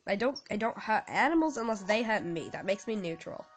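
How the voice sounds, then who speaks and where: A woman's voice: medium pitch, animated, brisk, faint music behind. Bubbly game host, woman, fake British accent, sing-song and swooping, recorded at a home desk. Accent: put-on British. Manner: playful, giggly, sing-song. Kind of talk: casual gameplay commentary. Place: dim room indoors.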